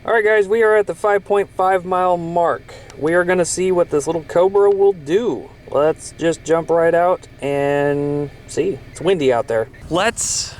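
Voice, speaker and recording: A man's voice: on the high side, a little slow, few pauses. A plain-spoken, folksy man giving a casual product review as a vlogger. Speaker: radio reviewer. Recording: noisy camera audio.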